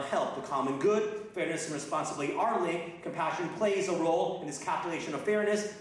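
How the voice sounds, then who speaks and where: A middle-aged man from the Philippines who grew up in Texas preaches a sermon as a guest pastor, speaking casually with lots of fillers and restarts. His voice sits on the high side. It was recorded in a church sanctuary on a distant mic in an echoey hall, with slight background noise.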